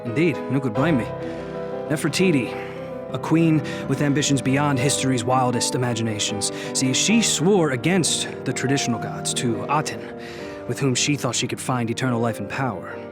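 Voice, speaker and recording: A man acting a genial, self-satisfied, obsessive gentleman scientist in a radio drama, chatty, wry and theatrical. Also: medium pitch, moderate pace, lightly acted. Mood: grandiose, wry. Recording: music under the voice.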